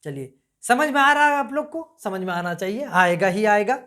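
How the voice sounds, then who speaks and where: A woman's voice: mid-range voice, animated, a bit bright. Woman teaching with frequent repetition. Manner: repeats points and quizzes listeners, pausing often. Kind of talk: casual classroom-style lesson.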